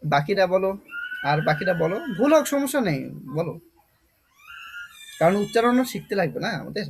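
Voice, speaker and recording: A man's voice: sits high, very animated, moderate pace, gravelly, a little hiss or hum. A male teacher giving an online vocabulary class, repeating each term several times, spelling words out letter by letter and coaxing his students to answer. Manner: asks students questions and coaxes answers.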